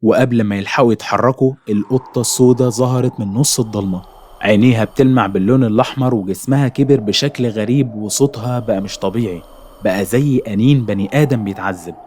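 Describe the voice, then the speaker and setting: A man's voice: lowish voice, fast talker, darkish tone, slight background noise. A man with an Egyptian Arabic accent narrating a horror story in a suspenseful storytelling manner.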